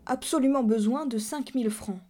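A tormented young society woman pleads in a high, trembling voice that stammers and breaks under strain, as a woman reading a story puts her on. The tone stays soft and mellow, sitting well above the reader's own speaking voice. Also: normal speed. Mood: anxious.

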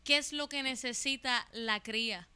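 A woman's voice: a little high, normal speed, pushed and bright, clear, resonant tone. A woman in casual conversation as a guest who recently became a mother, explaining things earnestly. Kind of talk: casual chat.

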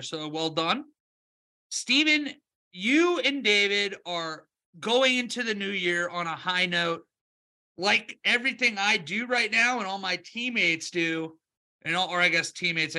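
A man co-hosting a casual sports podcast, talking through playoff scenarios and betting picks in a quick, wry way. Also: sits high, pushed and bright. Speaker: podcast co-host, picks analyst.

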